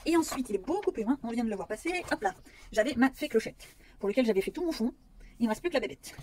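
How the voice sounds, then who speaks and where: Brief: fast-talking woman vlogger, slightly high voice, chatty and self-deprecating. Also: animated, a little mellow, a little hiss or hum. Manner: chatty, self-mocking, rambling with fillers. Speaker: coloring hobby vlogger. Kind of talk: casual talk showing her books.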